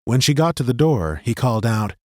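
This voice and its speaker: A man reads a fantasy audiobook into a studio mic, his medium-pitched voice keeping a steady, measured storytelling pace. There's no room sound at all.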